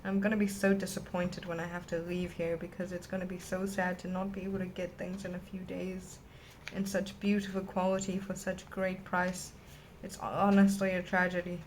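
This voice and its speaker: A woman with a lowish voice gushes to camera at her desk. She rambles happily in a casual vlog chat. Faint hiss sits under her words. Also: completely flat delivery, normal speed, low-quality recording. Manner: gushing, rambling and enthusiastic. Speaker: vlogger unboxing a stationery haul.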